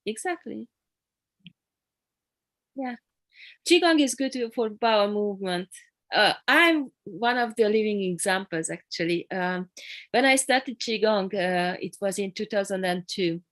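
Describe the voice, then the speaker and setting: A woman qigong teacher leading an online group class over a video call, explaining calmly with soft encouraging murmurs. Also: mid-range voice, a little slow, dry recording.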